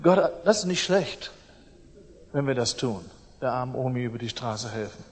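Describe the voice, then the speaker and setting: A middle-aged man preaching a sermon, emphatic and repeating his phrases, swinging between loud outbursts and soft asides. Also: mid-range voice, lively intonation, moderate pace. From East Germany. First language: German. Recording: long hall reverb.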